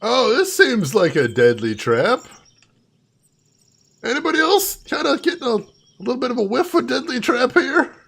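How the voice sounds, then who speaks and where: Casting: male game streamer, very lively intonation, creaky husky voice, playful casual commentary. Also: very high voice, normal speed. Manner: playful, chatty, theatrical asides.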